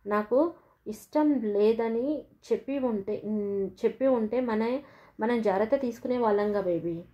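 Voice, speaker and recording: A man's voice: high voice, a little slow. A woman voicing a loving, hot-tempered young husband who pleads emotionally with his wife. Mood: pleading. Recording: dull lo-fi recording.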